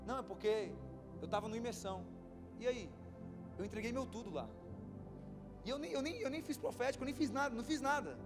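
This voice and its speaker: A young Brazilian man with a Brazilian Portuguese accent, preaching an impassioned sermon that builds to shouts. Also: very high-pitched, expressive, brisk, pauses often. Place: church hall. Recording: live church hall with reverb and keyboard music.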